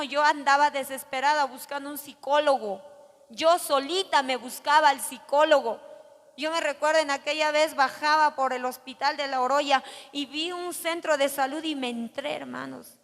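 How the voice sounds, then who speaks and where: High-voiced woman preacher in a reverberant hall. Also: fairly bright tone. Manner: earnest, addresses listeners as brothers. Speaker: pastor. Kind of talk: testimony sermon.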